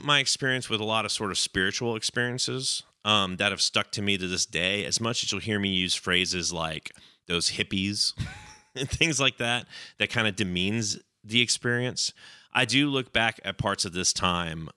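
A man's voice: lively intonation, unhurried, bright, forceful tone, clear, resonant tone, dry recording, studio quality. A young man hosting a podcast, telling a long personal story in a rambling, casual way and acting out the people in it. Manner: rambling, acts out quoted voices with raised pitch.

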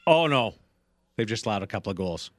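A man hosting a sports radio show, moving between casual talk and contest promo reads in a halting, self-correcting way. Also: on the low side, lively intonation, no echo.

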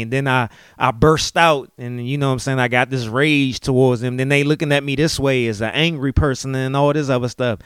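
A man's voice: medium pitch, clear, resonant tone, no echo, clean studio sound. A man in his late thirties, a podcast host, talking candidly and emotionally about his life, often adding "you know what I'm saying". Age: late 30s. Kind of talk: candid personal podcast talk.

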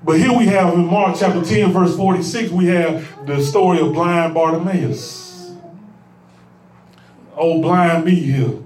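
A man preaching a sermon as pastor, with a rising call-and-response cadence that swells into shouts. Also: on the high side, measured pace, roomy sound, distant mic.

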